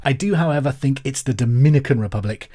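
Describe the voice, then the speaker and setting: This is the host of a pub quiz podcast, an Englishman with a mellow, medium-pitched voice who talks at a quick pace. He keeps things conversational, repeats questions clearly, and has music running underneath.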